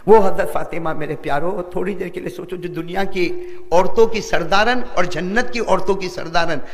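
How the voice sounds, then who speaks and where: A man's voice: high voice, big-room sound. A male preacher telling a story in an emotional sermon, passionate and always asking his listeners questions. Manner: impassioned, keeps asking the audience questions.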